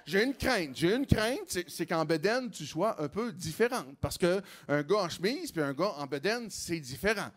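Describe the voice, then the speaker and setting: A man with a Québécois French accent performing a stand-up comedy routine, animated and jumping into quoted voices. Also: moderate pace, few pauses. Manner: animated, acts out quoted voices with big pitch jumps.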